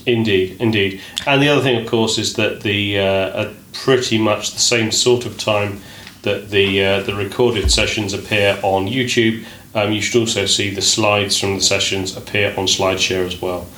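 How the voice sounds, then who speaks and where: A man hosting a casual podcast chat in a hotel room. He talks in a measured way, often says "indeed", and is recorded on low-quality audio. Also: steady tone, bright, forceful tone, reverberant, a little hiss or hum. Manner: measured, fond of saying "indeed", many "uh" and "um". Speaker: podcast host.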